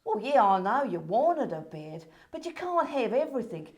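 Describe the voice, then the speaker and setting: A woman's voice: a little high, sing-song, normal speed. A woman acting a bubbly, bossy Saint Peter in a comic play, theatrical, emphatic and giggly. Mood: gushing, excited.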